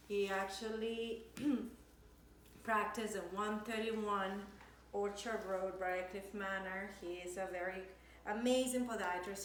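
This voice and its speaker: A woman from Ecuador, a nutritionist giving a chatty cooking demonstration in her home kitchen and searching for words as she goes. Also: medium pitch. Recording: echoey kitchen with dish clatter.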